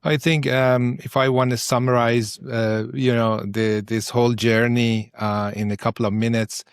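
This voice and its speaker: A middle-aged man from Iran, a podcast guest, answering questions thoughtfully with many pauses and fillers. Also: medium pitch, level tone, clean tone, no echo, clean studio sound. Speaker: podcast guest, investor and professor. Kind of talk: interview answers.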